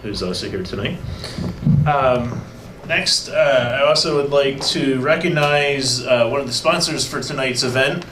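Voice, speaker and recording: Casting: event emcee man, mid voice, relaxed, stumbles over names, echoey hall. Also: medium pitch, measured pace. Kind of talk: casual event hosting. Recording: echoey hall with loud background noise.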